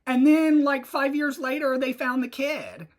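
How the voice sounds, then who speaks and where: A woman's voice: high voice, lively intonation, measured pace. A woman hosting a casual solo podcast, chatty and rambling, with frequent fillers. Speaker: podcast host.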